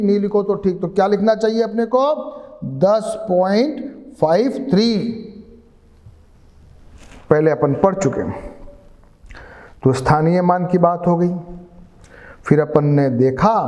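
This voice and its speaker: Male maths teacher, slow and patient, coaxing questions, reverberant room. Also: high-pitched, darkish tone. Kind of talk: classroom lesson.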